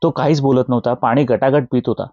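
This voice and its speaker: A man narrating a scripted horror story in a steady, measured way, with faint music behind. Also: medium pitch, dull audio.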